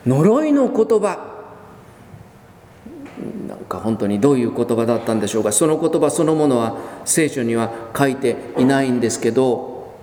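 A man preaching a sermon as pastor, telling the story with lively emphasis, drawing out key words and acting out quoted lines. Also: medium pitch, normal speed, a little hiss or hum. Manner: animated storytelling, acts out quoted speech. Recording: echoey hall with long reverb.

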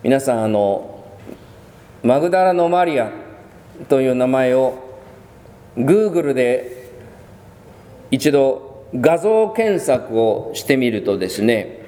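Male pastor preaching slowly, with a warm, animated delivery, in a reverberant church. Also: medium pitch. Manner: measured, with many pauses and fillers. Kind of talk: sermon. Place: church sanctuary.

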